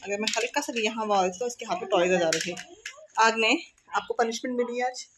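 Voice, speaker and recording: A woman's voice: on the high side, fairly quick, background noise. A woman in her thirties, a mother chatting casually to her vlog at home and playing with her child, mixing English words into her talk. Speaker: mother and vlogger. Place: home living room.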